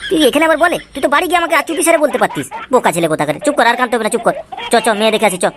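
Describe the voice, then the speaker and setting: A woman's voice: sing-song, rapid-fire, a little hiss or hum. A woman doing a two-faced cartoon father. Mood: coaxing. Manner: coaxing aloud, cursing in low mutters. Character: scheming father, sweet to son, grumbling aside. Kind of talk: Tweencraft cartoon voice acting. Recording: music playing behind the voice.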